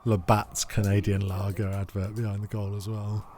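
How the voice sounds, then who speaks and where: A man co-hosting a casual watch-along chat, relaxed and chuckling as he talks. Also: fairly low pitch, normal speed, a little hiss or hum. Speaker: podcast co-host.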